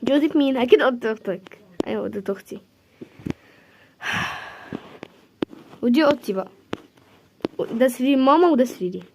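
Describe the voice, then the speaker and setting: A woman with an Egyptian accent acts out a whole homemade drama by herself, jumping quickly from one character's voice to the next. Her voice sits high and keeps a lively, playful pace throughout. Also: background noise. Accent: Egyptian Arabic. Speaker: creator playing every part in a homemade series. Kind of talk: homemade role-play drama.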